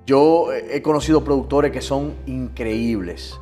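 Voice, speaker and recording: A man's voice: mid-range voice, a little slow, faint music behind. A man telling a personal story with great animation, acting out the voices of the people in it. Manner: lively, acts out voices in his anecdotes. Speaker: guest, TV producer.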